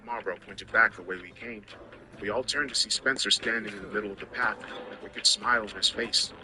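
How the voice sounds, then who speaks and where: A man's voice: fairly low pitch, fairly even intonation, brisk, background noise. A man narrating a scripted first-person story in a wry, conversational way.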